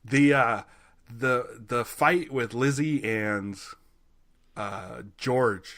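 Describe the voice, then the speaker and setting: A man talking casually as a podcast co-host, his pitch in an ordinary middle range. He is chatty, hesitates now and then, and laughs easily. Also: very slow, a bit bright. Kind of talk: casual chat.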